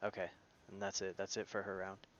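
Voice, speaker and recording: A man's voice: low-pitched, monotone, brisk, a bit bright, lo-fi sound, slight background noise. A man narrating as game master in a tabletop game, casual, swearing now and then, restarting his phrases as he goes.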